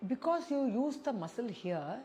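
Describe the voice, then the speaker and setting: Casting: woman, South Indian accent, slightly high voice, singing teacher giving a step-by-step lesson with repeated demonstrations. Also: big pitch swings, normal speed, dark tone, a little hiss or hum. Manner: explains step by step, repeating syllables and phrases to demonstrate. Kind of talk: spoken music lesson with sung syllable demonstrations.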